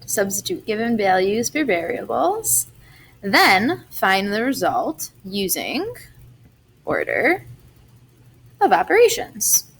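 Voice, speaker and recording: A woman's voice: mid-range voice, wildly swooping pitch, slow pace, long pauses, a bit bright. Young woman math teacher talking thru algebra steps, casual and chatty, bit of faint hiss. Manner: chatty, explains step by step. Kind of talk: recorded algebra lesson.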